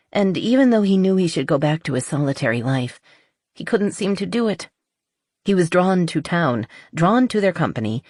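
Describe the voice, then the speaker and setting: A woman narrating an audiobook novel in measured storytelling. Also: low voice, darkish tone, no echo, studio quality. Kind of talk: scripted narration.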